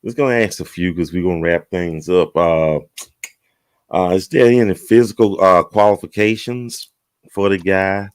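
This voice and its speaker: A man with a low voice hosts a dating show, drawing his guest out with easy questions and steady "mm-hmm"s. The sound is dry and close, with no room around it. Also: normal speed, clear, resonant tone, no echo. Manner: encouraging, frequent "mm-hmm" backchannels. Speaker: host. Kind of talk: interviewing a guest.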